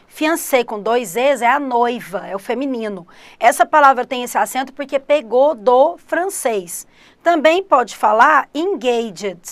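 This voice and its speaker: Middle-aged Brazilian woman, high-pitched, dry close recording; lively English teacher coaching students for exams. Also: a little slow, no room sound. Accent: Brazilian Portuguese. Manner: lively, addresses students directly, refers to herself as teacher. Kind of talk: online exam-prep lesson.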